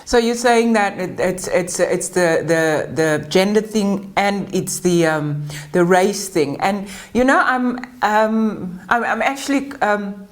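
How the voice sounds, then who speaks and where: A woman's voice: medium pitch, slow pace. A woman hosting a webinar interview, chatty and hesitant, with many fillers. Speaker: webinar host.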